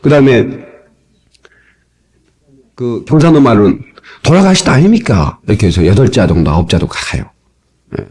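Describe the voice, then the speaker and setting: A male pastor preaching a sermon to his congregation, lively and folksy, often asking them for a response, heard from an old cassette tape recording. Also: lowish voice, moderate pace, long pauses, breathy edge. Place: church sanctuary.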